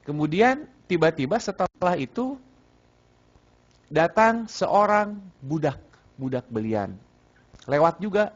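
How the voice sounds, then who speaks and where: Man, slightly high voice, informal preacher, repeats himself, quizzes the audience, muffled lo-fi recording. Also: big pitch swings, slow pace, pauses often. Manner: conversational, repeats phrases, asks the audience questions, teases listeners. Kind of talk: Sunday morning religious study talk. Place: mosque.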